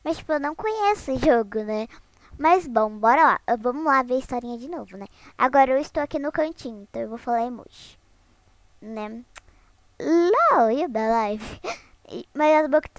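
A young female gaming host talking through her Roblox round in a casual, giggly way. Her voice sits high and leaps up and down a lot. The sound is dry and close, with no room around it. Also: dry recording. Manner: chatty, giggly, lots of "né, gente?" asides; squeals when startled. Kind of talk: casual Roblox gameplay commentary.

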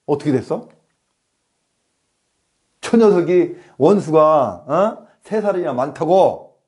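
Slow, animated scolding Korean teacher man. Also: on the high side. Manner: scolding, rhetorical, keeps asking "어?". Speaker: comic playing a schoolteacher. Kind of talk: comedic classroom lecture.

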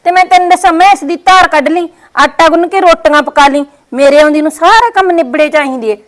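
A woman's voice: extremely high pitch, quick pace. A woman with a Punjabi accent playing a bossy, scheming young daughter-in-law who orders her mother-in-law around. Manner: commanding, scolding. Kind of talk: scripted family skit.

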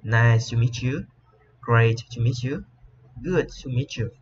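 Explaining an English lesson, a patient man with a medium-pitched voice goes slowly over each word and frequently ends his sentences with a soft tag. A faint hiss runs under the slightly dull, lo-fi audio.

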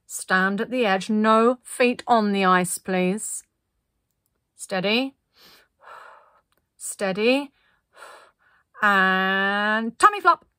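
A woman voicing a bossy, officious woman who leads a group, giving flat, businesslike commands loudly and slowly. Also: medium pitch, clean tone, no room sound, clean studio sound. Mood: commanding.

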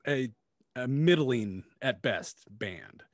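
This forties-aged podcast co-host speaks slowly and expressively at a medium pitch while chatting casually about books. His take is blunt, critical, and full of profanity. The studio-quality audio has no room sound, captured on a close stand-mounted mic as he wears headphones.

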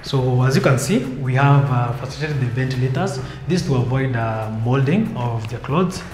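A man's voice: medium pitch, moderate pace, a little mellow, slight background noise. A young man from Kenya guiding viewers through an empty apartment, pointing out each room as he walks. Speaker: house tour vlogger. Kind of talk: walking house tour guide. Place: empty apartment rooms, indoors. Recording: echoey empty rooms with music. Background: music bed under the voice.

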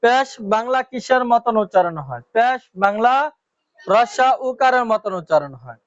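A man with a Comilla Bengali accent teaches a class at a very slow, deliberate pace. He keeps repeating questions and answers to drill his pupils. The sound is dry and a little dull, as from a lo-fi recording. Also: extremely high pitch, lively intonation, no room sound. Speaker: Quran teacher. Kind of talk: slow classroom lesson with repetition.

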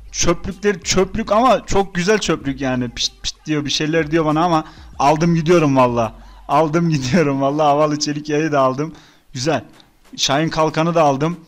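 A young man with a Turkish accent commenting on his game in a casual let's-play style. His voice sits a little high, and he swings from weary groans to loud, excitable outbursts. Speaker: gaming YouTuber.

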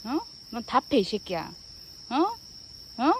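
Lively woman teasing and scolding her pets outdoors. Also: on the high side, takes it slowly. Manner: scolding, teasing baby talk, mixing in English. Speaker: pet owner talking to her dogs. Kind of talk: casual chat with pets. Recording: noisy outdoor ambience.

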